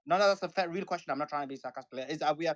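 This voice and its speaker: A man on a live news panel, jumping in with quick, eager interjections. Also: fairly high pitch.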